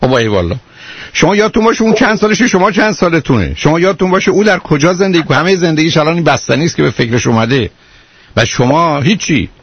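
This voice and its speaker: Middle-aged man, radio advice host, patient and explaining, a husky tone, dull dry broadcast audio. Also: on the high side, dry recording. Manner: calm, patient, explaining at length. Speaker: parenting advice expert on a call-in show.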